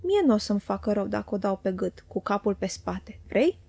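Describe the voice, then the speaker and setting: A woman's voice: medium pitch, big pitch swings, vocal fry, mellow, breathy edge, dry recording, pitched below the performer's own voice, full character voice. A woman reading an audiobook and voicing a chatty, coaxing, greedy male inn waiter.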